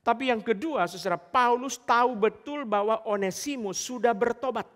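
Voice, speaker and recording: A male pastor preaches a sermon in a high voice, emphatic and keeps turning to address his congregation. His voice carries a long reverb from a large church hall. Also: normal speed, a bit bright.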